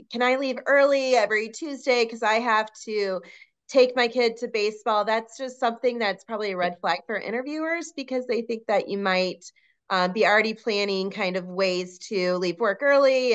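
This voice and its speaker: A woman's voice: medium pitch, normal speed, lo-fi sound. A woman career coach adding practical interview advice during a webinar on a video call.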